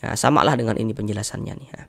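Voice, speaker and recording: Gravelly man teaching Quran recitation. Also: fairly low pitch, racing. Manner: patient, repeats each rule, drawls recited syllables. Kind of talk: tajwid lesson with recited examples.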